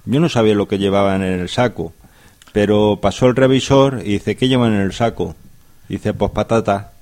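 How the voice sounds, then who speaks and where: A man, relaxed, telling a travel story as a joke in casual chat. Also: fairly low pitch, normal speed. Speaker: guest.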